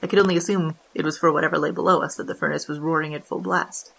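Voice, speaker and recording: In radio-play narration, a woman voices a wry, hardboiled bandit telling a noir tale at a rapid clip. Her voice sits a little low, deadpan and slangy, creaky and exaggerated.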